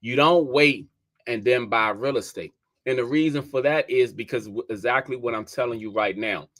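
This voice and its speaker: A medium-pitched, slightly bright male voice at a moderate pace: a DC real estate agent hosting a podcast and chatting casually with listeners. He addresses them as "y'all," goes over his figures more than once for emphasis, and sneezes repeatedly.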